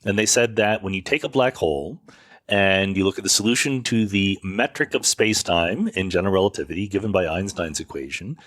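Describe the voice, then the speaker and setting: A man with a deep, fairly bright voice speaks fairly quickly as he hosts a podcast, explaining things casually in response to listener questions and fixing his wording as he talks. He is working from a makeshift setup away from his home studio, yet the sound is clean and free of room noise.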